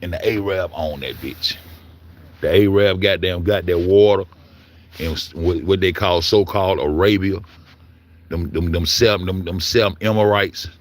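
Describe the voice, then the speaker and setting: A man's voice: low-pitched, normal speed. A man delivering a heated, profane monologue, stumbling over words and repeating himself as he argues his point. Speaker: commentator. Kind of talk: ranting monologue.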